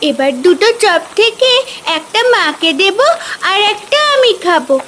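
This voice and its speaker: A woman's voice: extremely high pitch, lively intonation, measured pace, fairly bright tone, a little hiss or hum, exaggerated voice. A woman voicing a poor young village girl who is tearful and pleading. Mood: grateful.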